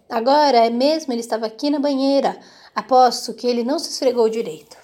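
A woman's voice: on the high side, fast talker, a little mellow, close to an everyday voice. A woman voicing a fussy, worried mother in a storybook reading, scolding in tone.

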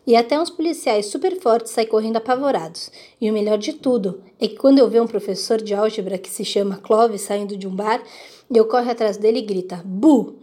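A woman reading a children's book aloud in a lively, expressive way. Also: mid-range voice, brisk. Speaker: reader.

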